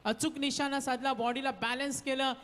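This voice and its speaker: A male cricket commentator with a high voice. He calls the play and the score through a long reverb. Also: level tone, moderate pace, a bit bright.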